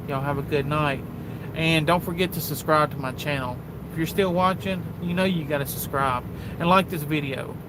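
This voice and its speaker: A man's voice: a little high, normal speed, background noise. A man from Texas, a truck driver vlogging in a rambling, folksy way about his life on the road. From Houston, Texas. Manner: rambling, folksy, repeats himself. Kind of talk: casual vlog monologue.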